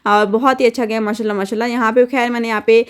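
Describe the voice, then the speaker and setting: A young adult woman talks through her day in a relaxed, homely voice-over, as a mother showing her routine. Her voice sits a little high, and she rambles with fillers and restarts along the way. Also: very fast, clear, resonant tone. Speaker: vlogger and mother. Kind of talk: casual voice-over narration of a daily routine.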